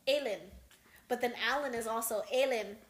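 A woman's voice: a little high, normal speed. Chatty young woman in an echoey room. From United States. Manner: rambling, many fillers and laughs. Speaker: podcast co-host. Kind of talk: casual chat.

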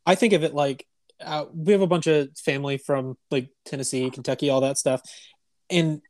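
A man with a fairly high voice co-hosts a casual podcast chat. He talks in a chatty, agreeable way, and his voice sounds dry and close with no room echo. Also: fairly even intonation, darkish tone. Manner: chatty, quick to agree, laughs. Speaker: podcast co-host.

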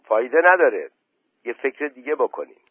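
A man's voice: medium pitch, very animated, slightly rough, no echo, voice pushed up. A man voicing a worried village headman who asks practical, fretful questions. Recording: dry tinny phone-like voice message.

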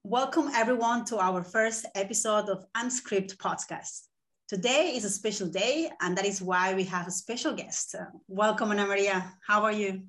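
A woman's voice: medium pitch, normal speed, fairly bright tone. Woman cohost, friendly, introducing the guest, some ums. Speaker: podcast co-host. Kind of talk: conversational interview.

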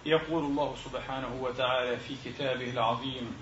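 A man preaching a sermon in formal standard Arabic, with measured, classical diction, in an echoing indoor space. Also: medium pitch, steady tone, a bit bright, distant mic. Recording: echoey room, dull lo-fi sound, faint noise.

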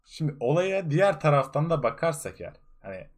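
A man's voice: a little high, big pitch swings, a little fast. A young man co-hosting a casual chat show, delivering jokes in a mock-serious, announcer-like way. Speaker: podcast co-host.

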